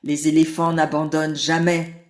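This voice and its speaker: A woman's voice: sits low, little pitch movement, moderate pace, a little mellow, reverberant, close to an everyday voice. A woman voicing a brave little male rat who believes he is an elephant, earnest and kind in a children's audiobook. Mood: cheerful.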